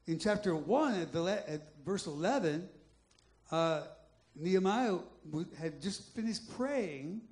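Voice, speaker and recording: A man pastor preaching a Bible-study sermon, halting with restarts, then building into emphatic repeated phrases. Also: sits high, a little mellow. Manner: halting, many restarts and fillers, rising into emphatic repetition.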